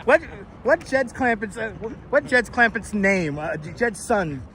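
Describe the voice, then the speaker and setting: A man's voice: high-pitched, very animated, a little slow, a crowd in the background. A man with a Brooklyn accent chatting casually as a livestream host, blunt and salty, often repeating his phrases. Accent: Brooklyn New York. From New York City. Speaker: live streamer and host. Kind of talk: casual street livestream chat. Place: outdoors on a Manhattan street. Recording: outdoor city street, clear traffic noise.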